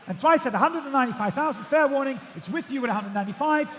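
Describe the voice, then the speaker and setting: A man working as an auctioneer, calling bids in rhythmic, repetitive number patter, projecting loudly to a room. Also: extremely high pitch, animated, very fast. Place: large auction room with bidders. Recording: echoey auction hall, faint background noise.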